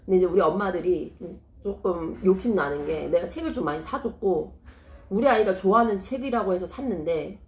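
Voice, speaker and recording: A woman's voice: lowish voice, animated, a little fast, reverberant, a little hiss or hum. A middle-aged woman explaining parenting in casual, persuasive talk, often asking rhetorical questions.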